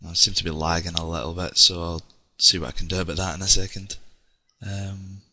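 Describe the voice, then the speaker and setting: A low, flat, brisk voice with a sharp tone comes from a young Scottish let's play gamer. He rambles on in casual commentary while playing, peppering his talk with ums.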